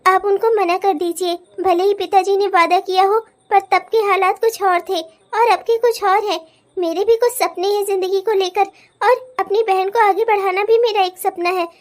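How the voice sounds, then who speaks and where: A woman's voice: very high-pitched, fairly even intonation, normal speed. A woman voicing a dutiful, self-sacrificing elder daughter in a dramatic cartoon, speaking earnestly and pleading.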